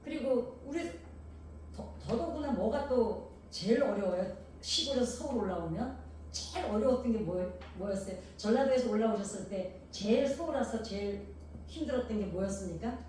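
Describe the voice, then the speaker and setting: A slightly high, animated and mellow voice belongs to a middle-aged woman from Gangwon Province, South Korea, preaching with a Jeolla-tinged accent at a moderate pace. She weaves homely stories with rhetorical questions to her listeners, heard from a distance in an echoey hall with a bit of hiss or hum.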